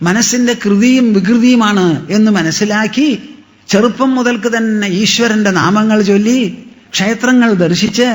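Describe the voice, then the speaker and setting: A man giving a devotional discourse as a spiritual teacher, chanting verses slowly and repeating phrases for emphasis. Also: very high voice. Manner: mixes in English explanations. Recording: hall with long reverb.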